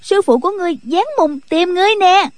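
A man's voice: very high-pitched, quick pace, dry recording, voice pushed up. A man voicing a mischievous young girl who teases and bosses others around in an audiobook. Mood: teasing. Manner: cheeky, giggling, bossy. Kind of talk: audiobook character voice.

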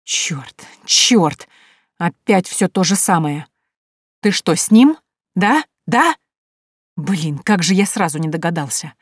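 A smug young charmer talks in a wheedling, needling way, read by a woman narrator. The voice sits low, and the recording is dry and close, with no room sound. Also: moderate pace, dry recording, close to an everyday voice. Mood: bitter. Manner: wheedling, then bitter and shouting.

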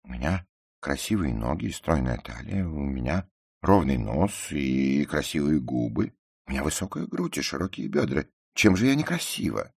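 A man's voice: rumbling low, sing-song, moderate pace, vocal fry, slightly rough, no echo, studio quality, voice pushed up, exaggerated voice. A man reading a story aloud and voicing a proud, touchy young woman in a raised, affected girlish tone. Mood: vain. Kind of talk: audiobook character voicing.

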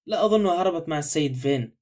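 A man voicing a young female maid in a spoken novel, who talks coarsely and excitedly spreads gossip. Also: on the high side, rapid-fire.

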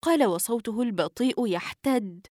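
Steady woman narrating a novel. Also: on the high side, normal speed, no echo, clean studio sound. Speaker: audiobook narrator.

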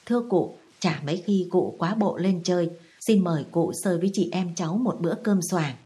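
A woman's voice: on the low side, expressive, brisk, dark tone, close to an everyday voice. A woman voicing a stiffly polite young teacher. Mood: deferential. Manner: deferential and very formal. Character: young male schoolteacher, polite but resentful.

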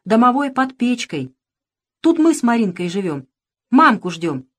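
A woman's voice: on the high side, big pitch swings, a little slow, pitched above the performer's own voice. A woman doing a small insistent little boy. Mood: insistent, tearful. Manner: childish, insistent. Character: small stubborn boy hiding in a stove.

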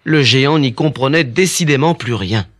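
A man narrating a children's fairy tale in an expressive, animated way. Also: mid-range voice, normal speed. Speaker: storyteller. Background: music.

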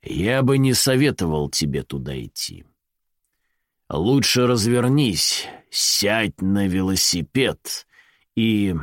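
A man voicing a gloomy, low disembodied voice from nowhere, speaking slowly in an audiobook-style story. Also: expressive, no room sound, clean studio sound. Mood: warning. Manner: dark, low and slow, warning.

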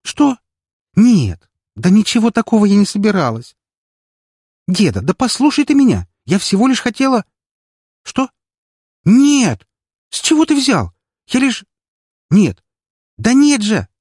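A man voicing an upset young woman who pleads and shouts through tears. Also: a little high, lively intonation, quick pace, hardly any pauses, dry recording, studio quality, voice pushed up. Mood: angry shouting.

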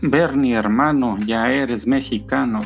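A man with a gravelly, fry-heavy voice adds quick corrections and agreements to a comics chat. Faint music runs underneath him. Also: medium pitch, lo-fi sound. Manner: brief, knowing interjections and corrections. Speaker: podcast co-host. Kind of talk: casual chat about comics.

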